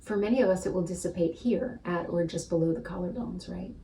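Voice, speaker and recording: Gentle, soothing woman spiritual teacher. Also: lowish voice, a little fast, distant mic, a little hiss or hum, poor audio. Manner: gentle and soothing, often adds "right?".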